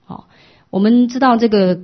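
A woman's voice: a little high, moderate pace. A woman giving a Buddhist dharma talk, explaining patiently and asking rhetorical questions. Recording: dull lo-fi recording.

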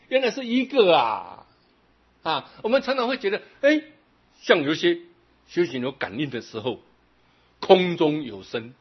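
A man preaches a Buddhist sermon in a husky, slightly high voice that leaps up and down with animation. He keeps it conversational, checking in with his listeners, then slows into long, drawn-out recitation of verses. The recording is dull and lo-fi. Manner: animated and conversational, often adding "对不对". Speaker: Buddhist dharma teacher. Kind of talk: sermon to a live audience.

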